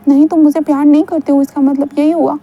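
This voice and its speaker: A woman's voice: high-pitched, flat delivery, fast talker, mellow, pitched above the performer's own voice. A woman voicing a naive, jealous young man who pouts and stammers in a fan-fiction story reading. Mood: upset. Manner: pouting, stammering.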